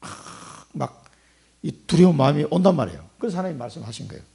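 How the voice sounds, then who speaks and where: A man's voice: fairly high pitch, animated, fast talker, vocal fry, mellow. A middle-aged man preaching a sermon in church as pastor, asking the congregation rhetorical questions. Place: church sanctuary.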